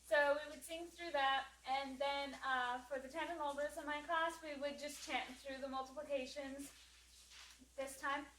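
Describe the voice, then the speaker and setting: A woman's voice: sits high, fairly even intonation, moderate pace, fairly bright tone, reverberant, slight background noise, poor audio. A woman tutor walking through memory work, explaining hand motions and singing skip counts. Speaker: homeschool class tutor.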